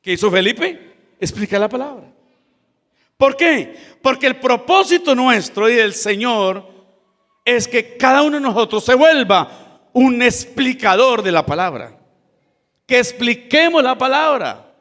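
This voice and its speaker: A man with a high voice preaches a sermon and explains the scripture in plain terms, speaking to his listeners as brothers. His words ring out with a long reverb, as in a church hall. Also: expressive, measured pace, pauses often, fairly bright tone.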